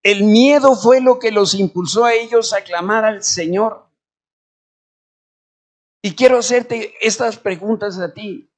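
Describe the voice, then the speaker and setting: Male pastor, sermon delivery, high pitch, rhetorical and shifting in volume. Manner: preaching with rhetorical questions and shifts between loud and quiet. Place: church.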